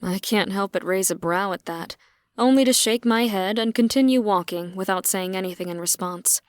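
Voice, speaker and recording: A woman's voice: mid-range voice, moderate pace, no room sound. Sex: woman. Role: audiobook narrator. Style: first-person narration. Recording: dry.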